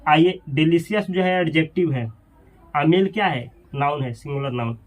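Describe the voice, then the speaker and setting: A man's voice: fairly high pitch, moderate pace. Man teaching English grammar. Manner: asks questions and repeats answers. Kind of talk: classroom grammar lesson.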